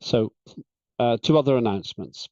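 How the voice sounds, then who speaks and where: A man chairing an online parliamentary session, speaking in a measured, deliberate way with frequent "uh" fillers, over a slightly dull video call. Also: mid-range voice, darkish tone, dry recording.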